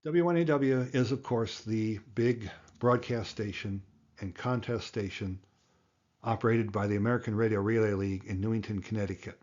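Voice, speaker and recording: An amateur radio instructor and presenter gives a plain-spoken, emphatic tutorial, walking through things step by step. His lowish voice is a little mellow and moves at normal speed, though the audio is dull.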